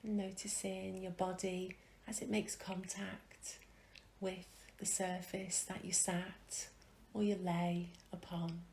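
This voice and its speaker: A woman guides a meditation gently and soothingly, her soft phrases fading into a whisper between long pauses. Her voice is on the low side, level and gravelly. The audio is poor, with a little hiss or hum.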